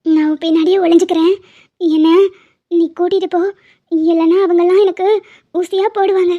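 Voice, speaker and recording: A woman's voice: very high-pitched, little pitch movement, normal speed. A woman voicing a terrified young female patient in a cartoon drama, pleading and childlike. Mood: scared childlike. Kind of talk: cartoon voice acting. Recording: dull lo-fi sound.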